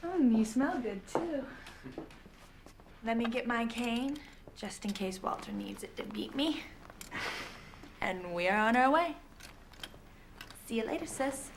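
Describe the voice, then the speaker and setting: Wry blind sister with a sharp tongue, bit high voice, faint hiss. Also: female voice, lively intonation, slow pace, long pauses. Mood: teasing. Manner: dry, teasing, biting humor. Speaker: film character, blind sister.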